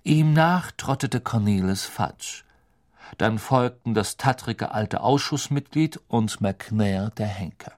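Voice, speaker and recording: A man narrating a storybook audiobook in an expressive, measured way. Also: fairly low pitch. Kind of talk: scripted narration.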